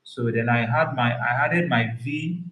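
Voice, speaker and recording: A man's voice: medium pitch, a little slow, a bit bright, echoey room, rough recording. A man from Nigeria with a thick Yoruba accent, chatting casually with his partner in a Q&A video. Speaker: co-host of couple channel. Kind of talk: casual couple Q&A chat.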